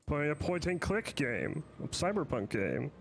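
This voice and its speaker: A man streaming a game in casual chat, easygoing, halting and apologetic. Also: on the high side, very animated, vocal fry, slight background noise.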